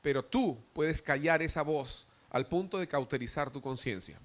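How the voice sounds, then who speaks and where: A male pastor preaching a sermon, animated, acting out quoted voices as he goes. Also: on the high side, moderate pace.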